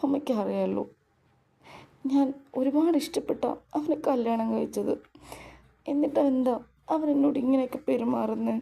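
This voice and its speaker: A woman's voice: high voice, normal speed, gravelly, long pauses, dark tone, breathy edge, voice pushed up, heavily acted. A woman voicing a young wife who pleads in a babyish, coaxing way. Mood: pleading.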